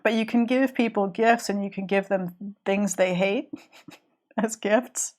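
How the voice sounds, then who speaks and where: A woman's voice: mid-range voice, fairly even intonation, unhurried, a little mellow. A woman with a cold, chatting casually and rambling with restarts while she draws on a live stream. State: has a cold. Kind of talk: casual chat while drawing.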